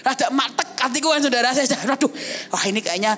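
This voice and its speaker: A young adult woman evangelist giving a sermon at a church service. She tells her own story in a vivid, animated way and keeps turning to address the congregation. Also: sits high, fast, slight background noise. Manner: animated storytelling, often addressing listeners as brothers and sisters. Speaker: evangelist preacher. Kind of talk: testimony sermon.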